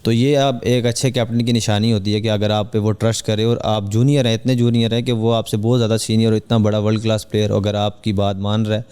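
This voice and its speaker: Earnest young man with a smooth low voice. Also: little pitch movement, a little mellow. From Pakistan. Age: young adult. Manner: earnest, measured, with hesitant fillers. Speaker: cricketer guest. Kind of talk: podcast interview.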